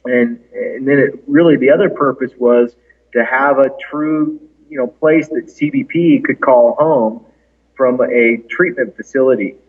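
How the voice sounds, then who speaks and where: Husky man echoing in a big hall. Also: medium pitch, unhurried. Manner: rambling, with many fillers and restarts. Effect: echoey big-room sound. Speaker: clinic owner and chiropractor. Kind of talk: casual remote interview chat. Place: large conference room at his clinic. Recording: distant, tinny phone-like call audio.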